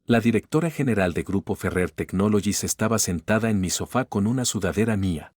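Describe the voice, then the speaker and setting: A man tells a scripted first-person story in a calm, even way. His voice sits low and the recording is close and completely dry. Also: a little fast, dry recording. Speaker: narrator.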